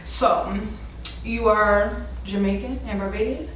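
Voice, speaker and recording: Woman, interview host, relaxed slangy questions, distant from mic, roomy echo. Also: mid-range voice, takes it slowly, slight background noise. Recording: echoey room, off-mic.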